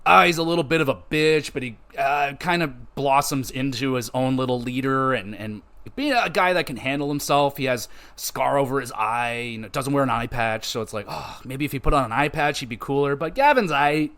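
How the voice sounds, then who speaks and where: Male podcast host, casual and profane, rambling game review full of fillers, mid-pitched voice. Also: brisk. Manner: loose, profane and animated, with many fillers and restarts.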